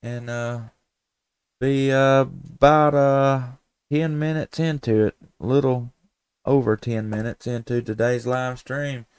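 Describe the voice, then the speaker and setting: This mid-range male voice is steady, slow, slightly mellow, clear and resonant, recorded dry. On a live stream, the southern Middle Tennessee ham operator makes calls and casual contacts in a folksy, courteous way, full of radio lingo and spelled-out call signs.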